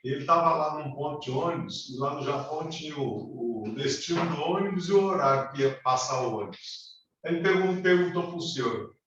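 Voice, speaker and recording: A man in a study group telling a lively anecdote over a video call. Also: fairly high pitch, a little fast. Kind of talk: casual group discussion. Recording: distant roomy dull call audio with faint hiss.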